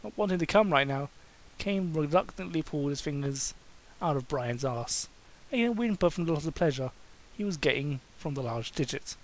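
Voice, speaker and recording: A man with a somewhat high voice and lively intonation reads a story aloud at a normal speed in a rough recording. An amateur fan fiction reader, he goes for a comedic, dramatic style, stumbling over words and breaking off for asides.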